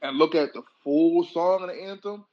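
A man's voice: on the high side, moderate pace, lo-fi sound. A man hosting a podcast in casual chat, laid-back but opinionated. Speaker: podcast host.

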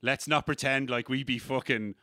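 Bright-voiced man, casual swearing chat. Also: medium pitch, steady tone, normal speed, no room sound, studio quality. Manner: swearing, rambling, acts out quoted people.

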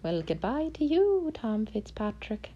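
A sly, crafty little leprechaun, as a woman puts him on, chattering high and quick in a storybook reading. His voice sits well above the reader's own, yet keeps a mellow warmth. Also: sing-song, husky, lo-fi sound, heavily acted.

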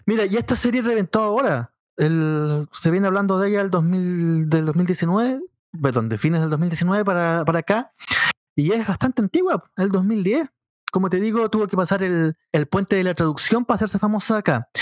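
A man with a voice a little higher than usual chats thoughtfully, often pausing to find the right words. The recording is dry, with no room sound. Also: no echo. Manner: thoughtful, hesitant, searching for words. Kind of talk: casual chat.

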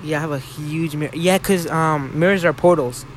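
A man's voice: a little high, normal speed, crowd noise. A teenage man from Florida co-hosting a podcast in casual chat, rambling and swearing a lot, mocking himself. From Florida, USA. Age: teens. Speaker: podcast co-host. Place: home bedroom.

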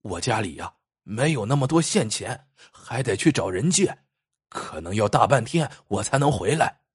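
A man voicing a calm, crafty commoner who teases an official in a mock-polite, unhurried way, with a husky voice. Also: mid-range voice, dry recording, studio quality. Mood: sly, calm. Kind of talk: storybook reading.

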